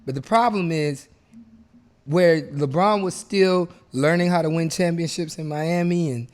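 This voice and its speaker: A man's voice: on the high side, measured pace, a little mellow. A man co-hosting a podcast in casual chat, speaking in an emphatic, slangy, boastful way. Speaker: podcast co-host.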